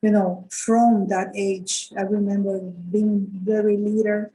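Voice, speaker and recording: A woman from Rico, a guest in a conversation on a video call, speaking thoughtfully and hesitantly with soft laughs. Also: medium pitch, level tone, slow, rough recording. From Puerto Rico. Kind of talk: conversational interview.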